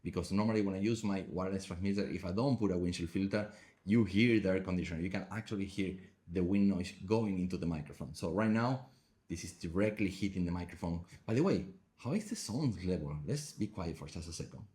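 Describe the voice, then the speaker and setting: A man's voice: low voice, fairly quick, mellow. A man casually talking through a test of a small wireless microphone at home. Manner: chatty, loose phrasing. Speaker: gear reviewer. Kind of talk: casual product review. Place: home room with open window. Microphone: wireless lav mic under test.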